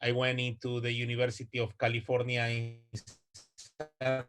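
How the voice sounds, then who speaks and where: With faint music behind him, a man in his 40s delivers a research talk as an online presentation on a video call. He's from Ecuador, a native Spanish speaker, and his mid-range, fairly bright voice stays monotone at normal speed. Hesitant throughout, he uses lots of uhs, fillers and restarts.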